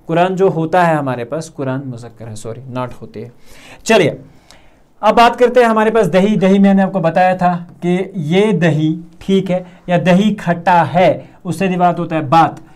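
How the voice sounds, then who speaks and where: A young man with a Kashmiri accent teaches a grammar lesson, repeating words slowly and often checking in with "theek hai." His voice sits high with a darkish tone.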